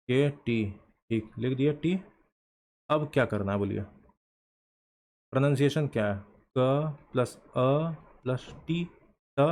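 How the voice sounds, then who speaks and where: A man's voice: mid-range voice, darkish tone. Man teaching, quizzing his class. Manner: asks the class questions and answers them himself; repeats words slowly for emphasis. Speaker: shorthand teacher. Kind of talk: classroom-style lesson.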